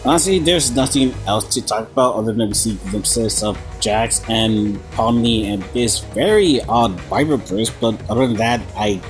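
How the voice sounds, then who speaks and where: With a lowish voice and a moderate pace, the man barely pauses as he riffs through an informal video review full of sarcasm and casual swearing. He's a video essayist, and music plays under him.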